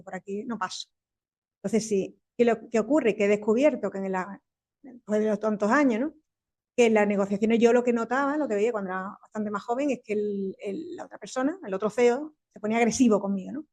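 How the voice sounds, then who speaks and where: A woman in her fifties with a Spanish accent, speaking on a panel as a tech company executive, animated and quick, laughing often and restarting her sentences. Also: mid-range voice. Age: 50s. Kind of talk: panel discussion.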